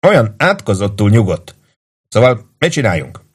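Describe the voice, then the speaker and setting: A man voicing an excitable, fretful army lieutenant who bursts into agitated exclamations. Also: lowish voice, breathy edge. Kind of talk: audiobook character voice.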